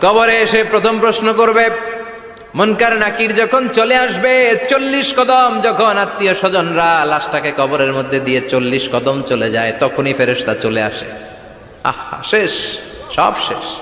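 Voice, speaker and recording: A man's voice: a little slow, pushed and bright. Impassioned male preacher in an echoing hall. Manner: impassioned preaching with sudden pitch jumps and chanted lines. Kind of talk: Islamic sermon. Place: large hall with crowd. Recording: echoey, reverberant hall sound.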